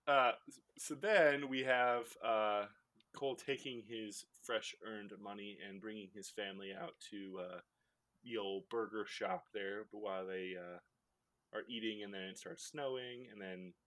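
A lower-pitched man with a bright, forceful voice is recapping a film for a podcast. He rambles and laughs his way through the plot, with plenty of fillers. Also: steady tone, a little slow. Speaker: podcast host. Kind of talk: casual podcast movie recap.

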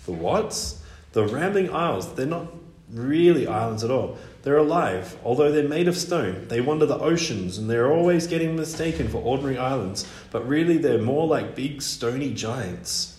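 A man voicing a blunt, short-sighted young mermaid girl in a storybook reading, talking in a brisk, complaining way. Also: mid-range voice, lively intonation, darkish tone, close to an everyday voice. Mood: explaining. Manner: brisk, complaining, matter-of-fact. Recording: roomy echo.

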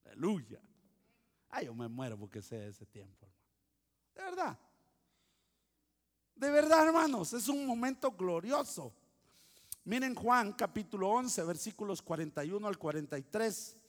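A man preaching a sermon as pastor, switching between loud outbursts and hushed asides. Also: high voice, very animated, normal speed, long pauses, long reverb tail.

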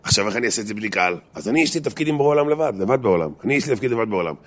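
A man, a rabbi giving a lively, jokey Torah talk to a small congregation and asking his listeners questions. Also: fairly low pitch. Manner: animated, jokey, addresses listeners directly with questions.

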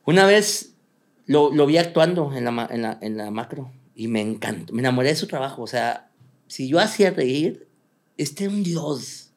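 A young adult man with a Mexican Spanish accent, a comedian guest chatting casually in an interview, talking fast and animated with lots of slang. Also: mid-range voice.

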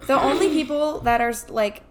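A young woman co-hosting a casual podcast from a kitchen table at home, talking in a snarky, profane, deadpan mock-cruel way. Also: sits high, brisk, soft background music. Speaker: podcast co-host. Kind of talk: casual chat.

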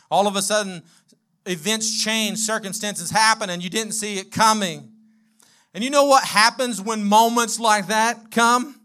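Male pastor preaching, high and bright, building in emphatic waves. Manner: rising, emphatic preaching with call-and-response to the congregation. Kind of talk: sermon.

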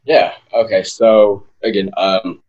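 A man's voice: lowish voice, steady tone, slow, darkish tone, highs cut off. A man in his mid twenties, a podcast guest, talking thoughtfully and searching for words. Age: 20s. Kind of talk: casual interview chat.

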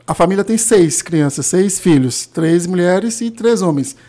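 Haitian-accented man, halting and searching. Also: high voice, expressive, dark tone. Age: 30s. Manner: halting, searching for words, frequent restarts. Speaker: guest. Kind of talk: casual interview conversation.

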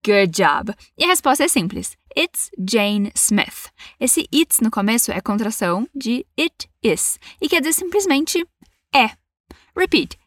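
A Brazilian woman teaching English, saying model phrases slowly for learners to repeat and cheering them on with patience. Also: fairly high pitch, very animated, dry recording, clean studio sound. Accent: Brazilian Portuguese. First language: Portuguese. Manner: encouraging and patient. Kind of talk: bilingual English lesson with repetition drills.

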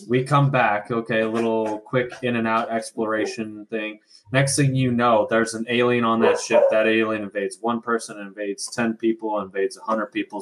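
Rambling man on a call, faint noise. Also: on the low side. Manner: rambling, loose and profane. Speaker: podcast host. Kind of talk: casual chat. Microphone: internet call.

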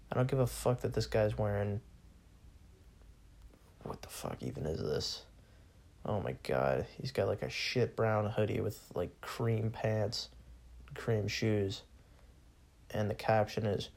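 Young male solo podcaster, low and gravelly, profane and sarcastic, casual rant. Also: lively intonation, unhurried, a little mellow. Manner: profane, bored and sarcastic, laughs often.

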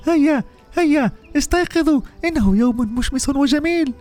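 A man's voice: very high-pitched, moderate pace, darkish tone, faint music behind, pitched above the performer's own voice. A man doing a chirpy little sparrow girl. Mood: cheerful. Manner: eager, chirpy, caring. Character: cheerful little female sparrow.

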